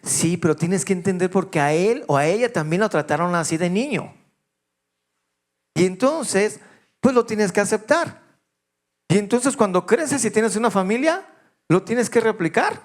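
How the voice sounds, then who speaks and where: A man, his voice sitting a little high for a man. He tells his own stories in a confessional way, sinking to near whispers and then lifting his voice again. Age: 50s. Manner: personal confessional storytelling, shifting between hushed and raised voice. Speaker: pastor. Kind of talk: sermon.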